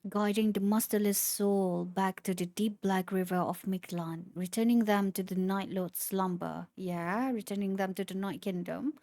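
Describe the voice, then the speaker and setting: A woman's voice: medium pitch, steady tone, normal speed, hardly any pauses, dark tone, no echo, studio quality. A woman streamer reading game lore aloud, stumbling over words and breaking off to react.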